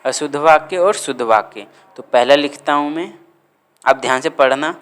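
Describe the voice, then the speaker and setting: A man teaching a grammar lesson, dictating words slowly and repeating them for students to write down. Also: a little high, fairly bright tone.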